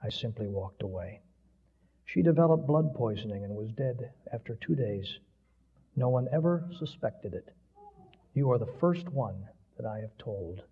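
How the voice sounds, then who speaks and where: A man voicing a dying older man tormented by guilt, speaking hoarsely in a weak, broken, hushed voice. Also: lowish voice, lively intonation, a little slow, voice pushed down, exaggerated voice. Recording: dull lo-fi recording with long hall reverb.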